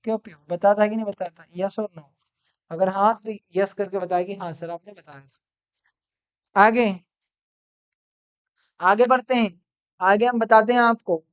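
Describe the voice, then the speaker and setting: Smooth-voiced male teacher, live phone class. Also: sits high, steady tone. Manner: repeats each sentence slowly, calls out students and praises them. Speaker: English teacher. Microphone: mobile phone.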